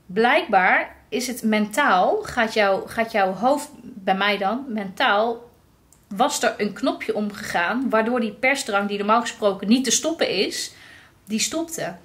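A woman vlogging about a personal experience, telling it lively and acting out what people said. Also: medium pitch, slow pace. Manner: lively, recounting with acted-out quotes. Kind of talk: personal storytelling vlog.

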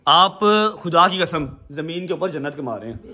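A man's voice: fairly high pitch, animated, normal speed. Teasing man. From Pakistan. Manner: warm, teasing, emphatic. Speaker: vlogger. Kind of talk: casual family vlog talk.

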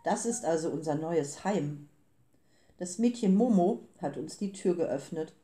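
A woman's voice: lowish voice, animated, a little slow, mellow, soft background music. A woman reading the lines of cold, businesslike grey men who steal time, in a clipped, formal manner. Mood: cool. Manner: clipped and formal, turning panicked.

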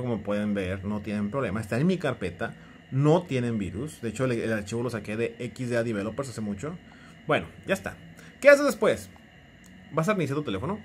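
A man's voice: mid-range voice, fairly bright tone, slight background noise. A young man with a Mexican accent chatting through a casual phone tutorial, joking and teasing the viewer as he goes. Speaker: tech YouTuber.

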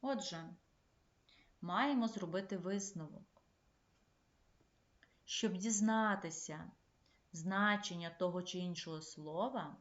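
Woman teacher talking kids through a remote lesson, slow clear instructions, echoey room, bit muffled. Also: fairly low pitch, a bit bright. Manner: clear, measured classroom instruction. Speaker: primary school teacher. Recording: echoey, slightly dull room recording.

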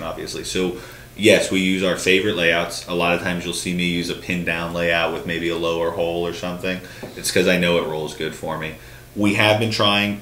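In a roomy, echoing studio with a faint hum, a man in his thirties co-hosts a bowling talk show, fielding questions casually from a desk. His low-pitched, fairly bright voice goes on at length, with lots of restarts and hand gestures.

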